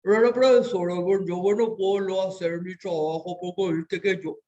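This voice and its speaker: A woman's voice: lowish voice, fairly even intonation, moderate pace, warm tone, lo-fi sound, natural voice. A woman imitating a teenage student who mumbles with mushy diction. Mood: sloppy.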